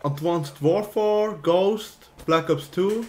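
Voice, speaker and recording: A man's voice: sits high, slow. A man, joking around in broken English during a casual game chat. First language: German. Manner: joking, broken English, swears when losing. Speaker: gamer in voice chat.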